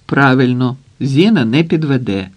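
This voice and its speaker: A man's voice: mid-range voice, lively intonation, moderate pace, natural voice. A man voicing a brash, coarse middle-aged woman in an audiobook, bossy and wheedling by turns. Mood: coaxing.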